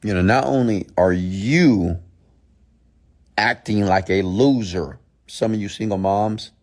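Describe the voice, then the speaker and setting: A man with a very low voice delivers a motivational mindset talk. He is blunt and scolding, hammering points home through repetition. Rhetorical questions are thrown straight at his listeners. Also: slow pace. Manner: emphatic, repeats phrases and poses rhetorical questions. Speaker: motivational speaker and host.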